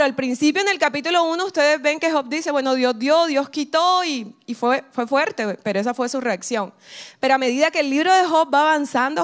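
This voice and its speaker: A woman giving a sermon, telling her own story in an earnest, personal way. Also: sits high. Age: adult with a ten-year-old son. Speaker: preacher.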